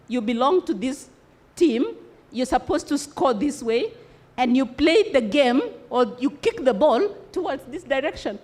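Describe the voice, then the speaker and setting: Lively motivational woman speaker. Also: high-pitched. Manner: rhetorical questions, repeats key words for emphasis. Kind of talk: motivational speech to students. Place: conference hall.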